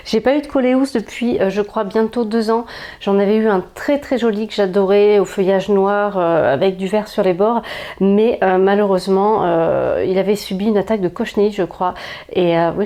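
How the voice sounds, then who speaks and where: A woman with a French accent chats enthusiastically about her houseplants, filling her talk with little hesitations. Her voice is mellow and warm, at an ordinary middle pitch for a woman. She is recorded casually at home, indoors. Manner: chatty, enthusiastic, frequent fillers. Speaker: plant vlogger. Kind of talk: casual chat.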